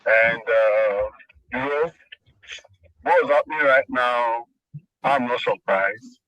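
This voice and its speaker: A Nigerian man calls in to a show, his medium-pitched voice slow and heard through a phone on speaker, so the audio is muffled with no room sound. In this heated commentary he makes emphatic points, repeating himself and restarting sentences.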